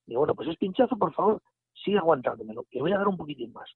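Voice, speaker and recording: A man, telling a story in a casual, animated way and acting out the dialogue. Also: on the high side, rapid-fire, husky, no echo. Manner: animated retelling with quoted dialogue and restarts. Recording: phone line audio.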